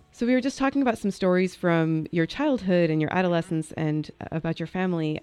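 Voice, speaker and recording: A woman guest-hosting a radio interview show, reading measured scripted introductions into a studio microphone. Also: fairly low pitch, mellow. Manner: measured, scripted station announcements.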